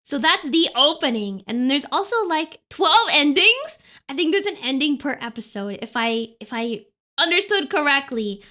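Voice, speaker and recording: A woman VTuber giving excited, casual reaction commentary, exclamatory and easily amazed. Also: high voice, moderate pace. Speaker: VTuber reacting to anime openings. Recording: music playing behind the voice. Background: anime theme songs.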